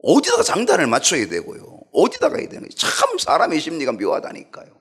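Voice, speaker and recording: A middle-aged male pastor preaching a sermon in an animated way, asking the congregation questions. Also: a little high, brisk, gravelly, husky.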